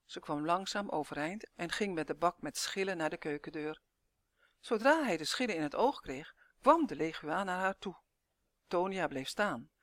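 A woman narrating a children's storybook in a clear, even, expressive reading voice. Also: fairly low pitch, normal speed, no room sound, clean studio sound.

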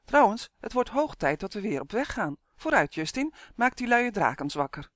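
Brief: man as an eager storybook elf, high and fawning, dry close recording. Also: big pitch swings, normal speed, fairly bright tone, dry recording. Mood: gushing. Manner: gushing, fawning. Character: small excitable male elf, eager and flattering.

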